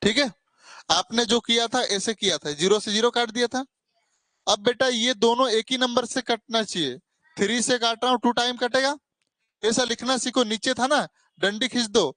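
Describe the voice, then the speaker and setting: A man's voice: very high-pitched, normal speed, sharp tone, dry recording. Coaxing male maths tutor, dry sound. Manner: coaxing, mildly scolding, calls students "beta". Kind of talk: live classroom teaching.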